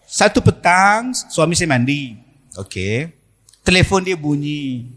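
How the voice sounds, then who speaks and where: Malaysian preacher guy, middle-aged, pretty high voice, acts out all the characters in his stories. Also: slow. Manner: animated storytelling, acting out voices of people in his stories. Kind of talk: sermon. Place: mosque.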